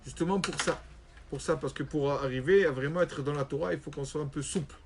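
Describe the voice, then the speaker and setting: A rabbi telling a story in a religious lesson, animated and acting out quoted voices. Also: male voice, a little high, fairly quick, background noise.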